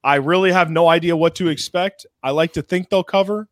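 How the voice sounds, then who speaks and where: A man with a fairly high voice talks sports as a podcast guest. He is informal and enthusiastic, and the recording is close and dry. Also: brisk, a bit bright, dry recording. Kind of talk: casual sports talk. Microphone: close mic on remote video call.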